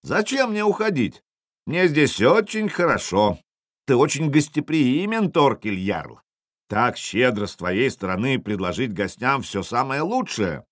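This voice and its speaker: A man voicing a boastful viking chief who shouts insults at his enemy. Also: on the low side, animated, unhurried, dry recording, clean studio sound. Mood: mocking. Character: boastful mocking male viking chief, taunting.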